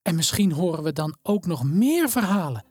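A woman's voice: lowish voice, very animated, normal speed, darkish tone, husky, no room sound, studio quality. A woman voicing an eager, timid young girl who stammers and pleads hopefully. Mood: overjoyed.

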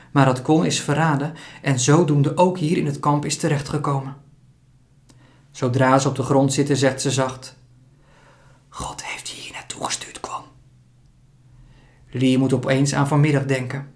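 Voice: medium pitch, level tone, normal speed. Een kalme verteller die een kinderverhaal voorleest met een middelhoge stem. Het tempo is rustig en gelijkmatig. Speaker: narrator. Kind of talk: scripted storybook narration.

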